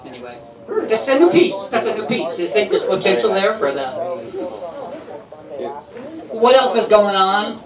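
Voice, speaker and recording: A man's voice: sits high, very animated, normal speed, long pauses. A man doing a rambling, profane, self-mocking stand-up set at an open mic. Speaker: stand-up comedian. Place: comedy open mic in a garage. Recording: roomy far-off live recording with crowd.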